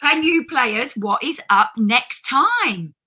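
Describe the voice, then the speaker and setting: A woman's voice: high-pitched, very animated, slow pace, bright, forceful tone, a little hiss or hum, rough recording. A woman hosting a live online interview, enthusiastic and upbeat. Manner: enthusiastic, keeps saying amazing. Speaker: interview host.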